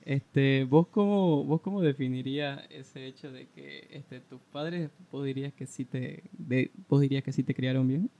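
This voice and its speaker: Woman, podcast host, extremely deep voice, short acknowledgements and halting questions. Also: dark tone, lo-fi sound. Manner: brief backchannels and hesitant follow-up questions. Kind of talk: casual interview.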